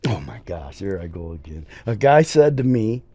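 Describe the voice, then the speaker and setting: This preacher, a podcast guest, has a lowish, warm, scratchy voice with a breathy edge, big pitch swings, normal speed and no echo. In casual interview talk, he tells stories in an earnest, emphatic, folksy way.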